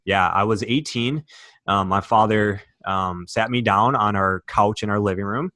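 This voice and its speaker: A man's voice: fairly low pitch, normal speed, bright, forceful tone. A young man from Michigan, a podcast guest, telling his personal story earnestly and emotionally, with many fillers and restarts. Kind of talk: candid interview storytelling.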